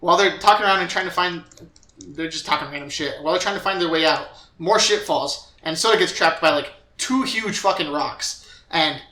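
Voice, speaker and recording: Young male podcast host, bright tense tone, rambling recap, echoey room. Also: a little high, a little fast. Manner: rambling recap with filler words and acted quotes.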